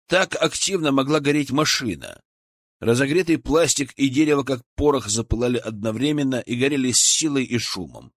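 A man narrating an audiobook with expressive, animated reading. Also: medium pitch, no echo, studio quality.

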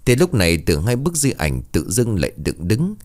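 A man with a very low voice narrates a ghost story. His pitch swings widely as he builds tension, and he tells it with strong drama. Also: huge pitch swings, normal speed, darkish tone.

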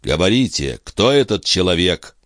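Audiobook: man voicing a deep, commanding count, measured, dry close mic. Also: big pitch swings, a bit bright, no room sound. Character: commanding older count, cold and controlled. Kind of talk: audiobook reading.

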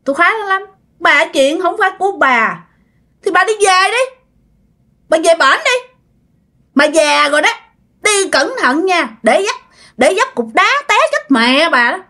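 A woman's voice: extremely high pitch, big pitch swings, measured pace, pauses often, pushed and bright, pitched above the performer's own voice, full character voice. A woman voicing the spiteful ghost of a dead old woman who has possessed a young girl, taunting and scolding. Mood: mocking.

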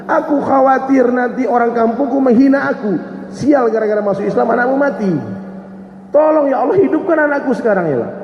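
A man's voice: very high voice, fairly quick, pitched above the performer's own voice. A preacher voicing a grieving young mother who pleads tearfully with God. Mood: pleading. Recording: echoey hall, dull sound.

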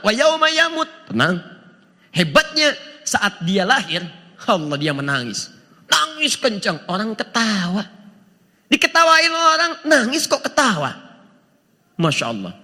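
Male preacher, high and lively, emphatic sermon delivery, reverberant hall. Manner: animated, emphatic, asks the audience questions.

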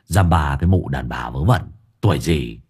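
A man's voice: very deep voice, lively intonation, normal speed, darkish tone, breathy edge, voice pushed down, heavily acted. A man voicing a crude, grumpy young man who swears and whines when scared. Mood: gruff.

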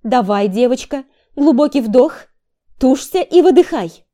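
A woman voicing a brisk middle-aged midwife who gives firm, urging commands. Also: high-pitched, dark tone, voice pushed up, close to an everyday voice.

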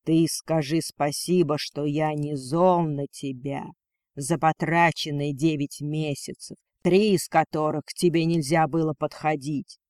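A man voicing a cruel male dragon lord, cold and domineering, who speaks in a slow, contemptuous growl. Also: fairly high pitch, steady tone, a little mellow, no room sound, clean studio sound, natural voice.

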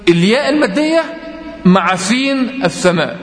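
A man with an Egyptian accent teaching Quran recitation rules, explaining patiently with lots of repetition and slowly drawn-out example readings. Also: high-pitched, lively intonation. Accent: Egyptian Arabic. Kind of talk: tajweed lesson. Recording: echoey room with long reverb.

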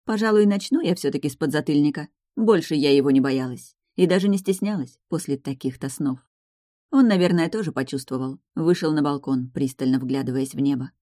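A woman reading a fantasy romance audiobook aloud, in calm, measured storytelling. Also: low voice, no room sound, studio quality. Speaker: narrator.

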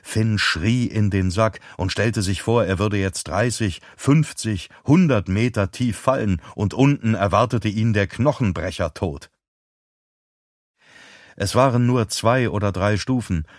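A man reading a tense thriller audiobook in measured, steady narration. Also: fairly low pitch, no room sound, clean studio sound.

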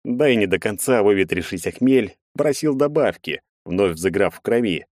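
A man reading a first-person audiobook in a measured, expressive way. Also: on the low side, dry recording, studio quality. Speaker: audiobook narrator.

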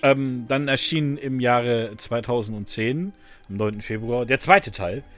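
A man's voice: medium pitch, a little slow, a bit bright. Man, podcast host, casual chat, lots of fillers, faint music behind. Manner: rambling, many fillers and restarts; laughs often.

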